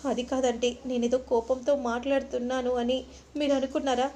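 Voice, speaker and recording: A woman's voice: high-pitched, little pitch movement, normal speed, dark tone, slight background noise, natural voice. A woman voicing a hurt young woman who pleads politely. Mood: pleading.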